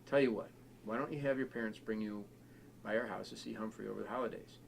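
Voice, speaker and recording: A man's voice: on the low side, steady tone, quick pace, creaky, a little hiss or hum. A man playing a kindly schoolteacher lady. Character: kind middle-aged female schoolteacher.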